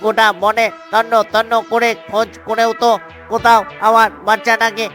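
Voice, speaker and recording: Man doing a cartoon father duck, high flat voice, bright and smooth. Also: moderate pace, faint music behind. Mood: worried. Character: father duck, worried but steady.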